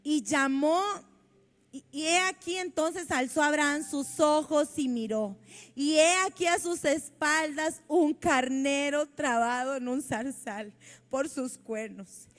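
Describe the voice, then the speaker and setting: A woman with a Costa Rican accent preaching a sermon in a church, reading scripture aloud and commenting on it fervently. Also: high voice.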